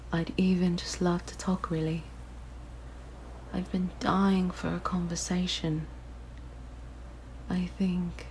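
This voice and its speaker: In an intimate ASMR roleplay monologue, a woman plays a possessive, curious young siren monster, softly luring the listener with a breathy, fairly low whisper. She sounds shy and wistful, gentle and fascinated as she coaxes, though the audio is poor with a little hiss or hum.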